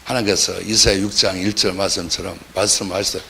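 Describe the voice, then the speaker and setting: A man's voice: low voice, little pitch movement, fairly quick, gravelly, bright, forceful tone, slight background noise. A man preaching a sermon as pastor, talking in a colloquial way and acting out the voices of the people he quotes.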